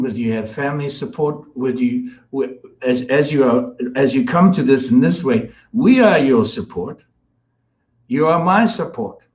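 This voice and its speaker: A man from New delivers a spiritual talk that wanders and repeats itself. His voice sits at a middling pitch and is full of fillers and restarts. The audio sounds a little dull and lo-fi. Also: a little mellow. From New Zealand. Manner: meandering, repetitive, with many restarts and fillers. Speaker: spiritual guest speaker.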